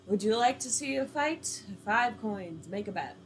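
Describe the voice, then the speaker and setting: A woman reading the lines of a bored male half-orc doorman, talking in a dull, flat patter. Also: fairly high pitch, a little slow, a little hiss or hum, pitched above the performer's own voice.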